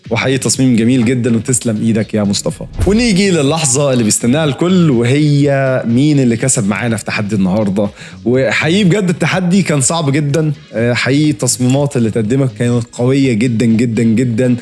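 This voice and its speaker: Fast-talking Egyptian man critiquing designs. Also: medium pitch, expressive, darkish tone, faint music behind. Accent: Egyptian Arabic. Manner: rapid, chatty, lots of fillers and friendly asides. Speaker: design reviewer host.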